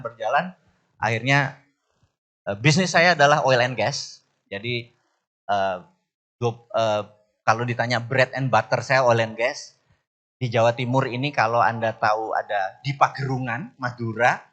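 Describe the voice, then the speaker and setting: A middle-aged man telling stories from his life to an audience, animated, often jumping high in pitch to act out other people and asking the crowd whether he is right. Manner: asks the audience "bener nggak?". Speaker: business speaker. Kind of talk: storytelling talk to an audience.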